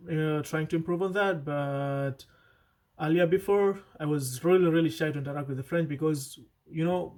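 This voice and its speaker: A young male vlogger gives casual advice to the camera, earnest and chatty, often restarting sentences and tossing in asides. His voice sits on the high side with a darkish tone.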